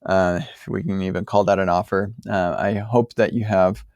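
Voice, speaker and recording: A man's voice: deep voice, steady tone, moderate pace, darkish tone, no echo, clean studio sound. A man hosting a podcast, answering a caller's question in casual spoken advice, emphatic and full of fillers and restarts.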